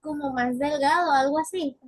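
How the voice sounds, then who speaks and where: A woman's voice: high-pitched, normal speed. A woman student answering her teacher's question in an online class, hesitant and careful.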